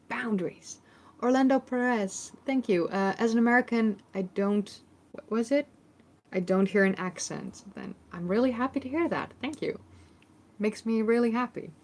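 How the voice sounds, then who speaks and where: Using a phone microphone in a makeshift room at a family home, a history YouTuber from the Netherlands, in her thirties, runs a relaxed livestream Q&A. She reads chat questions aloud with a Dutch accent and a medium-pitched, darkish voice, chatting with many ums and restarts.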